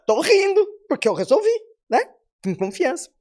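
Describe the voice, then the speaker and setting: Her voice sits high and sounds a little mellow as she speaks at a normal speed, very animated. She's a woman in her seventies with a Brazilian Portuguese accent, appearing on a podcast to give a motivational talk addressed directly to listeners.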